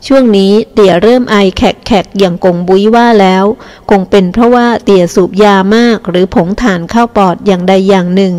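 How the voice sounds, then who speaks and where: A woman's voice: mid-range voice, brisk, a little mellow. Woman narrating a novel audiobook. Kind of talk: scripted first-person novel narration.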